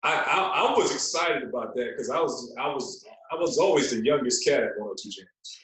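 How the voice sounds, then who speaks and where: Recorded in a very echoey, roomy space, this Florida-born American man in his forties, a radio personality, is a podcast guest telling casual interview stories. He repeats words for emphasis, speaking at a moderate pace with a medium pitch, lively intonation, and a fairly bright tone.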